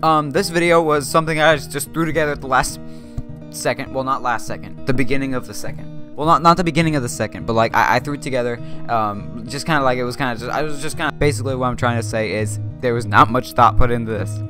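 A young man vlogging from a dark room at home into a desk mic, rambling, joking and correcting himself constantly. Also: mid-range voice, fast, music in the background. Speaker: YouTuber. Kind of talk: rambling self-deprecating vlog.

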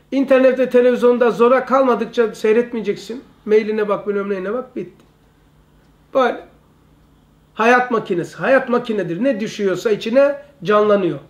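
A man giving an informal religious lesson, emphatic and repetitive, often calling his listeners brother. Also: very high-pitched. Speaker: religious study teacher.

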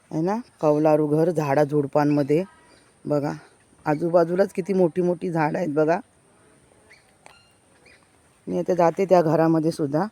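This Konkan woman has a low, warm voice and eagerly walks viewers through her village outdoors, passing between houses. Birds chirp around her while she enthusiastically urges them to look again and again.

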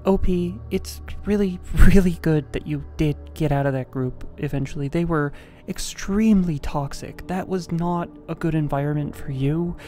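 Low-voiced, wry woman storyteller. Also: normal speed, mellow, faint music behind. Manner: wry, dryly joking. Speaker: storyteller host. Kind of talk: casual story commentary.

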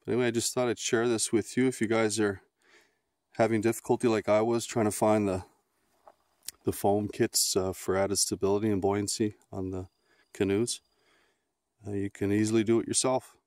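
Low-voiced man, halting outdoor how-to. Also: little pitch movement, a little mellow, no echo, studio quality. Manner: halting, many ums and restarts, plain-spoken. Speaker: outdoor vlogger. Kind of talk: casual how-to walkthrough. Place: outdoors on a grassy lawn beside a canoe.

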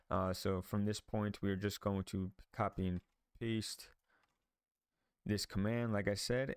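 Casual tech tutorial host, male, low and level voice, clean and dry close-mic sound, unscripted with ums. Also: smooth, dry recording. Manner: casual, thinking aloud with frequent ums and restarts. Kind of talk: screen-recorded software tutorial.

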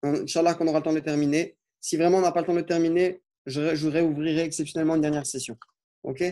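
A man teaching an Arabic lesson, patiently walking through exercises and slowly spelling out Arabic words. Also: on the high side, flat delivery, mellow. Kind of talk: classroom lesson explaining exercises.

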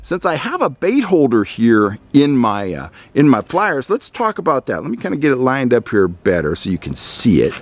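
A middle-aged man talks straight to the camera in a plainspoken, folksy way, walking through his gear step by step. His voice sits at an ordinary middle pitch. The sound is dry and close, with almost no room echo. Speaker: fishing channel host. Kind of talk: casual instructional talk to camera. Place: outdoors in a pine forest.

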